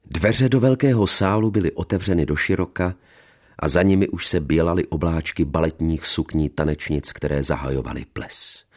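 A man narrating a novel as an audiobook with a wry, ironic storytelling manner. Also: rumbling low.

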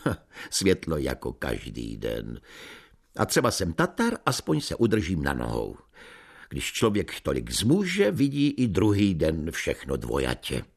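A man's voice: a bass voice, wildly swooping pitch, gravelly, slightly rough, full character voice. A man reading aloud, voicing a cheeky, red-faced hotel waiter who is deferential but impudent toward a hungover guest. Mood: bantering. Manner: deferential yet impudent, addressing his guest as "vašnosto".

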